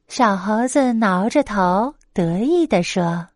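A woman narrating a bedtime story, gentle and expressive. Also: mid-range voice, slow pace, no echo, studio quality.

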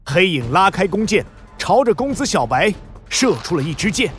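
Expressive man telling a children's story. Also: sits high, normal speed, faint music behind. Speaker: narrator.

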